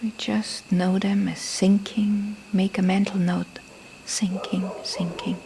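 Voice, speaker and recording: At a Thai temple, a female meditation teacher who isn't a native English speaker talks through a guided session in a low, gravelly, breathy voice that often drops almost to a whisper. Her phrasing is short, gentle and deliberate, with pauses in between, and the live field recording carries faint background noise.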